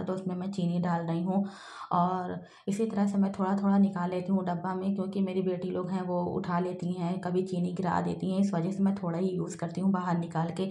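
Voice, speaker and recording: A woman in her thirties talks through her day as a vlog voice-over, plain and homely, with many fillers. Her voice sits low and stays flat, and the room around her echoes. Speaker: vlogger, mother narrating her day. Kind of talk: voice-over narration of a daily vlog.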